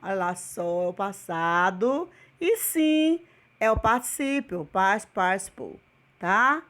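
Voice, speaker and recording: Her medium-pitched, fairly bright voice swings widely in pitch as she takes things slowly. She's a Brazilian Portuguese–accented English teacher in an online video class, repeating every word with patience and testing students with questions.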